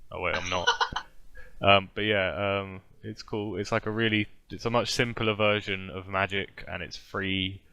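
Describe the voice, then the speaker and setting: A man's voice: sits low, fairly even intonation, normal speed, bright, forceful tone, slight background noise. A young man chatting casually on a podcast, rambling and laughing often. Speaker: podcast regular. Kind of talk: casual chat.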